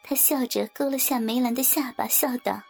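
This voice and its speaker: A woman narrating a martial-arts novel in a steady storytelling manner. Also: fairly high pitch, normal speed, creaky, slightly rough. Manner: steady storytelling, acts out characters. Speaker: audiobook narrator. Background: faint background music.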